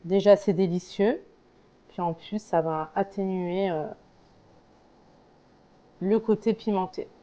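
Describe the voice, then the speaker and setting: Female home cook, unhurried and explanatory, mellow tone, informal recipe walkthrough. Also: mid-range voice, muffled recording. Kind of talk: casual cooking tutorial, talking through steps.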